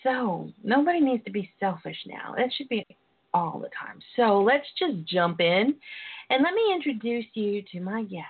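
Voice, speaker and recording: Sassy lady radio host, flirty n chatty, slightly rough voice, thin phone sound. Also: mid-range voice, big pitch swings. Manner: sassy, flirty, drawn-out emphasis, calls listeners honey and darlings. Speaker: host of a call-in sex talk show. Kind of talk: informal radio talk, chatty monologue. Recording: tinny phone-line audio.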